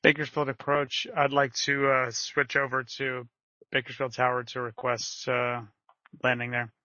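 A male pilot talking over a dull, lo-fi aircraft radio, his tone bright yet flat and even. He calls air traffic control hesitantly and politely, stumbling over fillers. The sound is close and dry. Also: mid-range voice, normal speed, no echo. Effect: heard over an aircraft radio.

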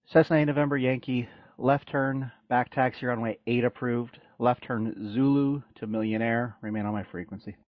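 A man's voice: mid-range voice, steady tone, normal speed, few pauses, no echo. A man working as an air traffic controller, speaking in procedural radio style on dull, lo-fi audio.

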